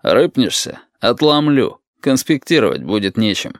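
A man's voice: mid-range voice, big pitch swings, moderate pace, no echo, clean studio sound. A man voicing a young street thug who bullies and mutters sullenly. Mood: surly. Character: young male street thug, surly and bullying.

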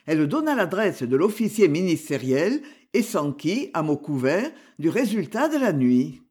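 A reader narrating a detective novel in a measured, expressive way. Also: medium pitch, slightly rough.

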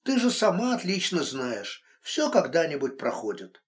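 A man's voice: a little high, wildly swooping pitch, moderate pace. A man voicing a stern, worried man who scolds and comforts a friend brusquely. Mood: exasperated. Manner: brusque, exasperated.

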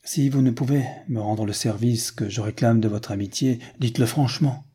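A man's voice: mid-range voice, moderate pace, warm tone, slightly rough. A man voicing a rich American man who speaks frankly and earnestly about wanting to marry.

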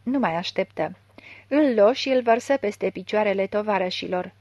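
A woman narrates a literary audiobook in a measured, expressive way. Her voice sits in a middle pitch. The recording is dry and close, with no room sound. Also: dry recording, dull audio. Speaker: audiobook reader.

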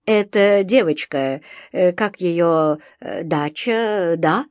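A woman's voice: lowish voice, slow, darkish tone, no room sound. A woman voicing a scheming male associate. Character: scheming male business associate, laughs easily.

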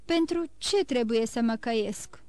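A woman's voice: fairly high pitch, lively intonation, darkish tone, smooth, no echo, natural voice. A woman voicing a starving, desperate male banker who begs for his life in broken, pleading cries, in an audiobook. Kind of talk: audiobook reading.

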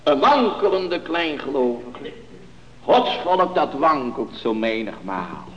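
A man preaching a sermon, in a solemn cadence that builds to loud, emphatic stretches. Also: mid-range voice, big pitch swings, slow pace, slight background noise. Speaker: pastor. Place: church. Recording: old lo-fi church recording with long reverb.

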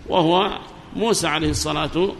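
A man whose voice is a little high and a little fast leads a classroom lesson on an Arabic grammar poem. Over an amplifier microphone, he asks his students questions and repeats what they answer, while the hall reverberates and faint background noise lingers.

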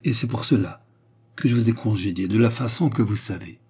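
A man reading the lines of a young woman who feigns repentant love, in an earnest, softly dramatic tone. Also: lowish voice, brisk, husky. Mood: pleading. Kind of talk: audiobook character reading.

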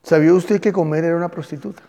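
A man, a pastor teaching a Bible class and telling the stories with lively energy. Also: fairly high pitch, very fast, long reverb tail. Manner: lively storytelling, addresses class as "hijos".

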